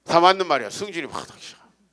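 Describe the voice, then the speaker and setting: Pastor in his forties, high and lively, bright ringing tone; funny sermon stories, throws rhetorical questions at the pews. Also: rapid-fire. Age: 40s. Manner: animated, teasing the congregation with rhetorical questions. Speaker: guest pastor. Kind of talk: humorous storytelling sermon. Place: church sanctuary.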